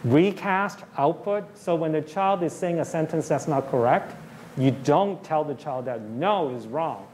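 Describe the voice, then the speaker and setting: A man's voice: on the high side, expressive, unhurried, darkish tone, a little hiss or hum. A man giving a public university lecture, explaining points plainly and often checking in with the audience. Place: lecture hall.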